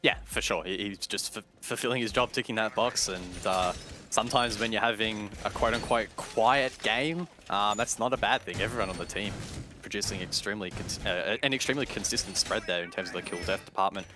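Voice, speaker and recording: A man delivers live analytical color commentary on an esports match, breaking down plays and thinking aloud with occasional fillers. His voice is fairly low and brisk, with music in the background.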